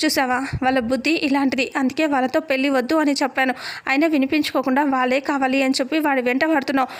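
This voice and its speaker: A woman's voice: high voice, fairly even intonation, fast, close to an everyday voice. A woman voicing a furious scolding elder sister. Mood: angry scolding. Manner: scolding, shouting.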